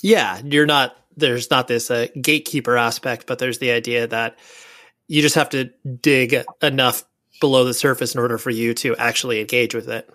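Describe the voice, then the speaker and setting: A man's voice: mid-range voice, fairly even intonation, normal speed, sharp tone, no room sound. Articulate male podcast host, dry close sound. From California, USA. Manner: articulate, long winding questions. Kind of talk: casual interview chat.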